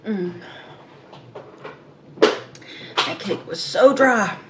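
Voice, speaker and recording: Slow-talking woman eating on mic. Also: mid-range voice, very noisy. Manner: eating while talking, with savoring mms between phrases. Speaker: mukbang host. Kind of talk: casual eating-show chat.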